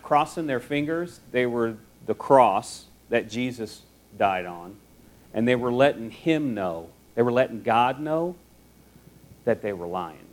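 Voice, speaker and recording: A man giving a casual sermon to students, talking conversationally, joking and acting out the voices of people he quotes. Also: medium pitch. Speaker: teacher giving a Bible talk.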